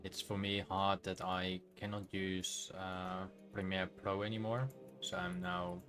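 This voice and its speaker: A Dutch-accented man talks slowly and a little low while he plays, drifting between thoughts and correcting himself mid-sentence. Faint game music sits behind his voice. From Netherlands. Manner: relaxed, rambling, self-correcting. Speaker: streamer. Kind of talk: casual game stream chat.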